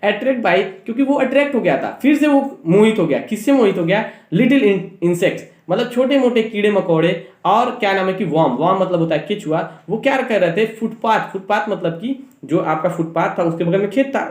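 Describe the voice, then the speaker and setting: High-voiced male teacher in an echoey room. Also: darkish tone. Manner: slows to read English lines aloud, then explains them quickly in Hindi; asks questions and answers them himself. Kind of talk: explaining an English story in Hindi to school students.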